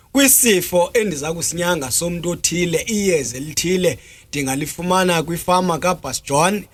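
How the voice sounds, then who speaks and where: A South African man speaks with a Xhosa accent in a fairly high-pitched voice. He explains as a guest in an interview, deliberate and often pausing on hesitation sounds. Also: slightly rough. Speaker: traditional healer interview guest.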